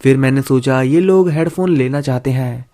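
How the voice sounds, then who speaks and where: A man narrating a first-person horror story in a steady, dramatic storytelling manner. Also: medium pitch, normal speed.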